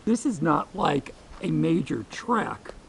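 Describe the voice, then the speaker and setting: A man's voice: a little high, sing-song, slow, vocal fry, a little hiss or hum. A man narrating his hike outdoors, out of breath and thinking aloud as he walks. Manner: thinking aloud while hiking. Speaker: vlogger. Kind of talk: outdoor hiking vlog narration. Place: outdoors on a mountain trail.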